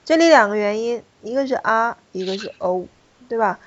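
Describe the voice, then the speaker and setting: A woman's voice: fairly high pitch, animated, normal speed, lo-fi sound, a little hiss or hum. A woman teaching a French pronunciation class, explaining rules step by step and calling on students. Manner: explanatory, repeats key points, calls on students.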